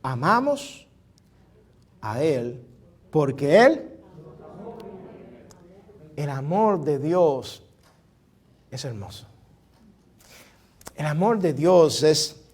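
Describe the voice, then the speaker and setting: A male pastor with a notably high voice delivers a sermon. He draws out his key words slowly and swings from soft, confiding asides to loud, emphatic declarations. Now and then he speaks casually to the congregation. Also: husky. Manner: preaching with drawn-out emphatic words, shifting from hushed to loud.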